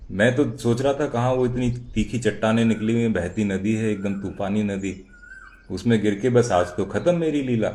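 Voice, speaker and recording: A man's voice: medium pitch, darkish tone, natural voice. A man voicing a simple, good-natured big bear who talks in a theatrical, mock-affectionate way.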